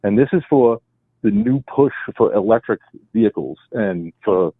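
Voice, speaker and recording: A Boston-accented caller rambles emphatically at length on a radio call-in, speaking from home as his wife sits beside him. His lowish voice is breathy-edged, with lively intonation and a moderate pace. Speakerphone gives way to the handset on a dry, echo-free line.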